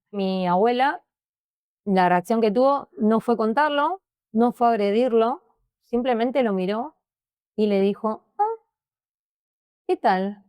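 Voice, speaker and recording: Halting Rioplatense woman telling her story. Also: fairly high pitch, a little mellow, clean tone, no echo. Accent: Rioplatense Spanish. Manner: emotional, halting, repeats words while recounting. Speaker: interview guest. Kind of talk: personal testimony in conversation.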